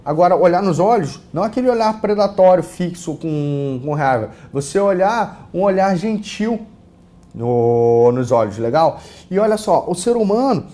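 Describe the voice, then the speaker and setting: A man with a Brazilian accent giving an online course lecture on a lapel mic, casual and full of fillers and repeated words, swinging between loud and soft. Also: sits high, normal speed. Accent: Brazilian Portuguese. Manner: casual, many fillers and repeated words, lively shifts in loudness. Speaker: course instructor.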